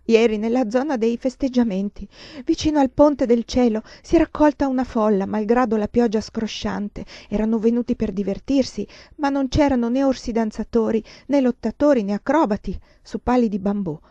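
Woman reading a shaken, feverish young husband in a storybook, halting and anguished, mellow low-fi tone. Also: dry recording, lo-fi sound, natural voice. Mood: haunted.

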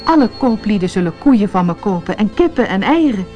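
A woman voicing a boastful, greedy poor man, excited and grandiose. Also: medium pitch, fairly quick, highs cut off, soft background music, voice pushed up, natural voice.

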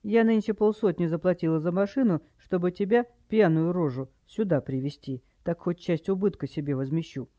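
A man's voice: high voice, moderate pace, few pauses, dark tone, no room sound, natural voice. A man reading an audiobook, voicing a rude, angry elderly mother-in-law who speaks curtly, in a dry, slightly dull recording. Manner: rude, curt.

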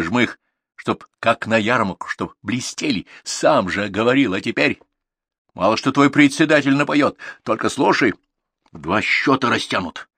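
A man's voice: fairly low pitch, slightly rough, dry recording. A man doing a blunt hot-tempered young herder. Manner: curt, angry, shouting at times.

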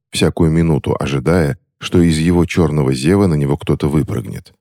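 A man narrating a story for an audiobook in an expressive storytelling manner. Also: rumbling low, no room sound, clean studio sound.

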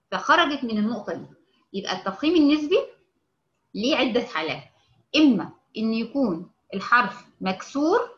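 A woman with an Egyptian Arabic accent teaching a tajweed lesson, explaining slowly, checking often that her students follow, and drawing out each example word. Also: a little high, a bit bright, echoey room, muffled recording. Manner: stretches out example words when reciting them. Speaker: Quran recitation teacher.

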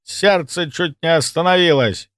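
A shrill, cowardly old morgue orderly, as a male reader puts him on, caught stealing from the dead. He squeals high and loud, whining and snapping in a jumpy voice. The audiobook sound is dry and close. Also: unhurried, no echo.

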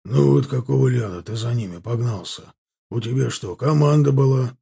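A man reading the part of a gruff officer who grumbles reproaches at a fellow officer, in a dark, husky voice. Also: medium pitch, moderate pace, full character voice. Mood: scolding. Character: gruff male officer scolding a comrade.

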